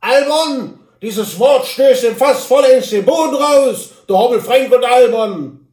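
A man voicing a quarrelsome, touchy little frontiersman with a Saxon accent, shrill and indignant. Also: measured pace, darkish tone, echoey room.

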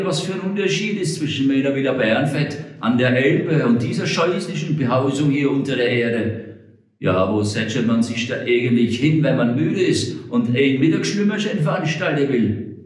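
A man's voice: medium pitch, voice pushed up, close to an everyday voice. A man voicing a pompous, touchy middle-aged frontiersman who speaks with a Saxon German accent and talks in indignant, long-winded bursts. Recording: roomy echo.

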